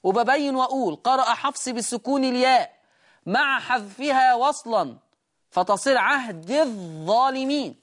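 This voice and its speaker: A man with an Egyptian accent hosting a Quran lesson, patiently explaining the readings and repeating words to demonstrate them. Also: very high-pitched. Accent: Egyptian Arabic. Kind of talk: explanatory teaching.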